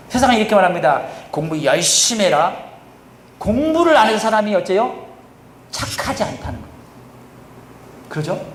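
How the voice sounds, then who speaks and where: A male pastor preaching a sermon, often asking the congregation questions and answering them himself, his voice swinging between loud and quiet. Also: high-pitched, slight background noise. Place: church sanctuary. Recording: echoey church hall recording.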